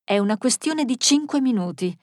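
A woman's voice: on the high side, expressive, normal speed, no echo, studio quality, voice pushed up. A woman reading the lines of a jovial male parish priest who greets his flock heartily. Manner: hearty, genial.

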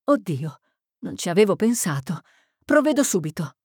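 A woman's voice: fairly low pitch, big pitch swings, moderate pace, a little mellow, breathy edge, no echo, clean studio sound, exaggerated voice. Woman doing an anxious library director. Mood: urgent.

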